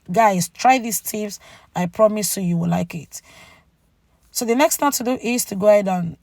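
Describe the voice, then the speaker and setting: Female beauty vlogger, casual voice-over, cracking gravelly voice from a cold, mid pitch, talks directly to viewers. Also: a little mellow, dry recording. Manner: chatty, addresses viewers directly with tag "okay?". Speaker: beauty channel host. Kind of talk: makeup tutorial voice-over, casual narration.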